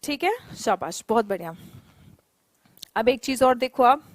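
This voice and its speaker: A woman's voice: fairly high pitch, animated, measured pace. A young Indian woman teaching an online English class, mixing Hindi and English, coaxing her students and drawing out her English example sentences.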